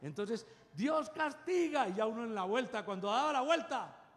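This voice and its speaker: A man's voice: high-pitched, expressive, fairly quick, a bit bright. A man preaching a sermon as pastor, constantly asking his congregation "yes or no?". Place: church. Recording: long church reverb.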